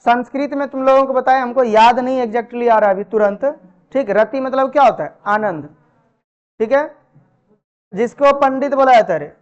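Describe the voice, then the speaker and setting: A woman teacher runs a live classroom lesson, asking the same questions again and again and nudging her students with familiar, chiding remarks. Her voice sits fairly high. The recording is dull and lo-fi, as if caught in the room. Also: clean tone. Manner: drills students with repeated questions and answers; chiding, familiar address to pupils. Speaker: Sanskrit grammar teacher.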